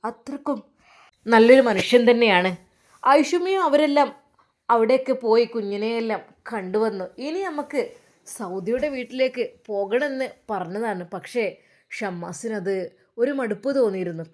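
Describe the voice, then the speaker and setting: A woman with a Malappuram Malayalam accent narrating a homely family story in a lively storytelling style. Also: a little high.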